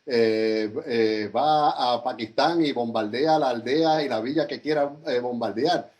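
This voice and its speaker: A man's voice: medium pitch, measured pace, darkish tone. A man giving answers as an international analyst in a news interview, critical and hesitant, with many fillers and repeated words.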